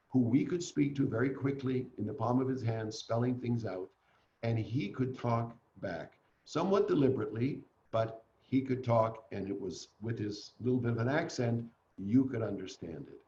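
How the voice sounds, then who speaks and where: An older man from Canada, a guest in an online interview, telling a family story in an earnest, animated way. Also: mid-range voice, moderate pace, echoey room, dull audio.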